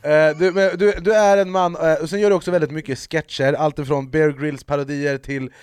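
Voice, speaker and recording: A man hosting a casual podcast, chatty and filling pauses with hesitations. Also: fairly high pitch, level tone, darkish tone, clean tone, no room sound. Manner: chatty, lots of hesitation sounds. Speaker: podcast host.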